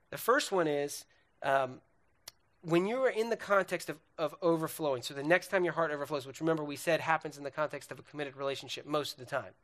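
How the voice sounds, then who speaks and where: A man's voice: on the high side, fairly bright tone. A young man with a slightly raised voice gives an earnest sermon on relationships. He talks in a loose, conversational way, addressing the listeners directly and checking in with them often. He names feelings and questions one after another. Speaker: speaker on relationships.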